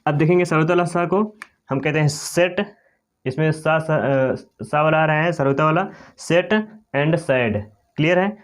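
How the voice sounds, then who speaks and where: Indian man teaching English sounds. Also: fairly high pitch. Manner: slow, repetitive, often says "okay" and "clear". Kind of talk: classroom pronunciation lesson.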